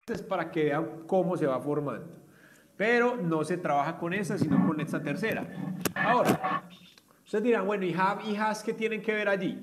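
A man, teaching an online English class and explaining step by step with frequent checks. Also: high-pitched.

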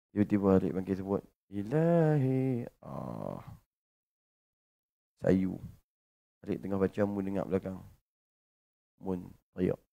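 Brief: Malaysian Malay religious teacher, man, lowish voice, goes from loud fervor to quiet asides. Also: vocal fry, muffled recording. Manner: swings between loud fervent lines and hushed asides. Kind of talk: religious lecture with chanted verses.

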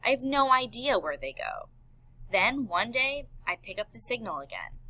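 A woman's voice: on the high side, very animated, moderate pace, pushed and bright, full character voice, poor audio. Woman voicing an earnest worried scientist father. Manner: earnest, pleading.

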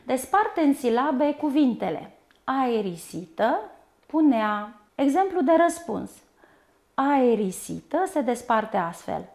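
A woman teaching a primary school lesson, speaking slowly and carefully and spelling words out syllable by syllable. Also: high voice, sing-song, gravelly, darkish tone.

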